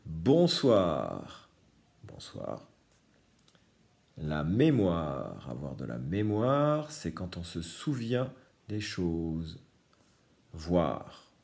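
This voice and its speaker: A man's voice: deep voice, sing-song, drawn-out words, darkish tone. A man teaching a reading lesson to young children, patiently explaining each word. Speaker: primary school teacher.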